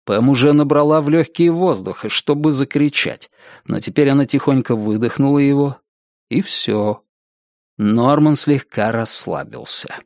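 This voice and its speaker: A man reading a dark novel aloud as narrator, with wry, sardonic asides. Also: medium pitch, a little slow, no echo, clean studio sound. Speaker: audiobook narrator. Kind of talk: scripted narration.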